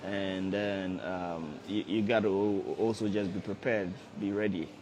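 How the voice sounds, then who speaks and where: A forex trader in his thirties hosts a casual motivational livestream, speaking in a low, steady voice at a slightly slow pace. He repeats himself and coaxes viewers directly, and the poor audio carries crowd noise.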